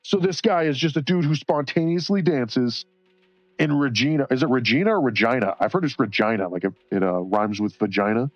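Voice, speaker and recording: A man's voice: mid-range voice, animated, fairly quick, dry recording. A man streaming while he colors, chatting casually, rambling and swearing, often laughing and reading chat aloud. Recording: slightly dull sound, faint music behind.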